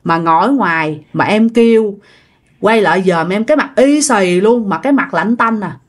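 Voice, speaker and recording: A woman's voice: medium pitch, animated, moderate pace, lightly acted. Brief: woman doing a fretful young Southern Vietnamese village wife, anxious questioning tone. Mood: complaining. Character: startled young village wife, sleepy, then frightened.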